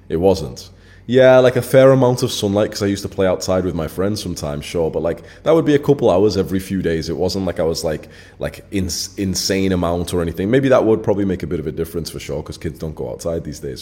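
His voice sits low and mellow as the twenty-something host, in his late twenties, addresses his channel's camera directly. He keeps it casual and blunt, cursing freely and relying on filler words.

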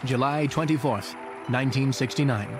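A man's voice: medium pitch, normal speed, over music. A man reading scripted historical narration as a documentary narrator in a voice-over. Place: voice-over recording with music behind.

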